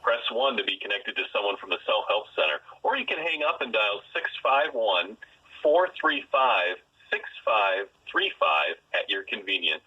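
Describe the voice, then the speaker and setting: A man reading recorded phone menu prompts for a court office, spelling out web addresses slowly. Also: on the low side, very animated, breathy edge. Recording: dull lo-fi phone line.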